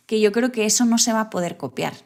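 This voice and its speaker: A woman's voice: fairly high pitch, quick pace, a little mellow. A woman guest in an interview, speaking thoughtfully, often restarting her phrases and adding tag questions. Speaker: guest photographer. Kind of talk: reflective interview talk.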